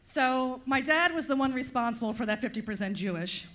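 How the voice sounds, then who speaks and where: With slight background noise behind her, a woman speaks in a high-pitched, animated, fairly bright voice at a slightly fast clip. She's from Long Island, New York, has its accent, and is doing stand-up in a comedy club, giving the audience dry, self-deprecating punchlines.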